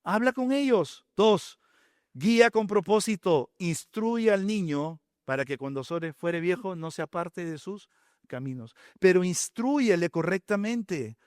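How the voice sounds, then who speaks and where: A man's voice: high-pitched, measured pace, darkish tone, smooth, dry recording, studio quality. A man preaching a sermon, counting off his points and asking the congregation rhetorical questions. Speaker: pastor.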